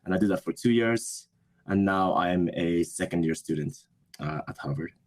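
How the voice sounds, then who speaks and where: Answering interview questions, a young adult business school student with Japanese as his first language speaks in a low voice at a moderate pace. He sounds thoughtful and hesitant and keeps correcting himself.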